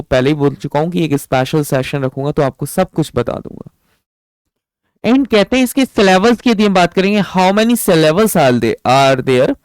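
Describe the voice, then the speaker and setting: An Indian-accented man teaches an online English class at a slow, deliberate pace. He reads English lines, explains them in Hindi, and keeps quizzing the class before answering himself. The sound is dry and close. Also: fairly high pitch, clear, resonant tone, dry recording, low-quality recording. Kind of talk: online exam-prep lecture.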